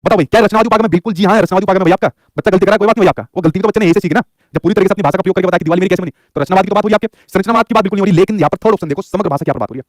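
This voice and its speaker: A man's voice: high-pitched, no echo, studio quality. A man teaching an exam-prep lesson, asking questions and answering them himself. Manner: rapid, repeats his own questions back to the viewer.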